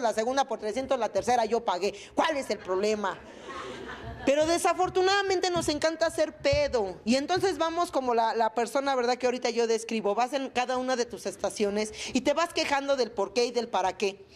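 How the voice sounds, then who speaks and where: A woman's voice: high-pitched, a little hiss or hum. A woman with a Mexican Spanish accent giving a testimony talk to a recovery group, crude and joking and full of slang. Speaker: speaker sharing at a recovery meeting.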